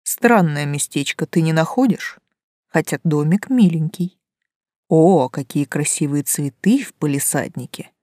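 Mellow low mocking forest spirit guy, a woman reads him, calm and creepy, dry sound. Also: unhurried, dry recording. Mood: teasing. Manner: calm, teasing, quietly menacing.

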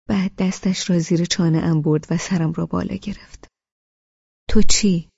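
Audiobook narrator, woman, soft hushed delivery, warm low voice, dry dull recording. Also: no echo. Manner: soft, hushed, breathy reading. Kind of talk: scripted first-person narration.

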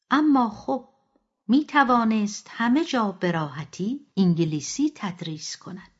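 Calm woman reading an audiobook. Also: mid-range voice, slightly rough. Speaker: audiobook narrator. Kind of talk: scripted audiobook narration. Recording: dull, slightly lo-fi recording.

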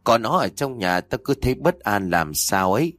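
A hot-tempered gang boss, voiced by a man reading a horror story aloud snaps and curses at his dim underling. His voice sits low and rises and falls sharply as he scolds. The sound is close and dry. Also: very animated, moderate pace, a bit bright, no room sound. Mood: uneasy. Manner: cursing, scolding, bossy. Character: gruff hot-tempered male gang boss, middle-aged.

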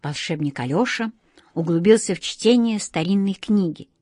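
A woman narrating a children's audiobook in a slow, expressive storytelling manner. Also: mid-range voice, no room sound, clean studio sound.

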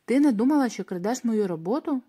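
A high, artificial young woman's voice that sounds staged and faintly ghostly, as a woman reading a storybook puts her on. The tone is showy and performative, lifted above the reader's normal register. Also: lively intonation, fast talker, dark tone, breathy edge. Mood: eerie theatrical.

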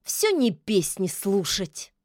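A woman voicing a stubborn, sharp-tongued fairy-tale witch who snaps back defiantly. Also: mid-range voice, very animated, takes it slowly, no room sound, studio quality. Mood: scolding. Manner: snappy, defiant. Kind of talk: audiobook character voice.

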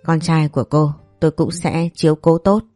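A woman's voice: flat delivery, normal speed, mellow, no echo, soft background music, natural voice. A woman voicing a scheming, spiteful young rival woman in a storybook, sly and taunting. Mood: mocking. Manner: sly and taunting, then shrill and whining.

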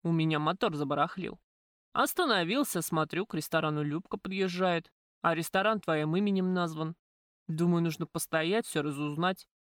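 A woman voicing a coarse male gangster thug who talks gruffly and bluntly in an audiobook. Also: on the low side, moderate pace, dry recording, studio quality, close to an everyday voice. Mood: sullen.

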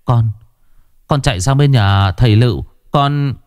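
A man's voice: lowish voice, takes it slowly, dry recording, studio quality. A man voicing a timid young male servant who stammers and pleads nervously to his master. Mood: stammering.

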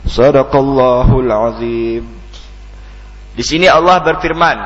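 A man preaching a Quranic exegesis sermon, moving between chanted Arabic recitation and lively, colloquial storytelling. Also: mid-range voice, moderate pace. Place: lecture hall of an Islamic study center. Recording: long hall reverb, dull lo-fi sound.

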